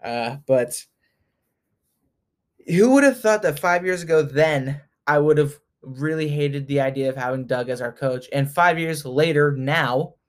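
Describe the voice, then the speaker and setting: A man's voice: a little high, a little slow. A man in his early twenties, a sports fan vlogger talking casually, chatty and self-mocking, often laughing. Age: 20s.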